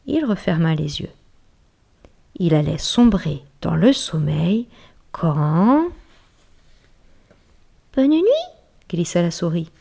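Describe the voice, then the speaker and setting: A woman reading a children's bedtime story aloud in a gentle, hushed way, dropping now and then to a whisper. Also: deep voice, gravelly.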